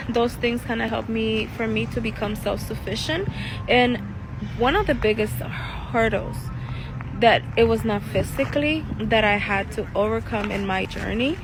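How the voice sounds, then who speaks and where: A woman from El Salvador, a tarot reader and life coach, talking earnestly and casually to her viewers from a city park, laughing often and restarting her sentences. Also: fairly high pitch. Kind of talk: casual talking-to-camera vlog. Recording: outdoor street noise. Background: passing cars and city noise.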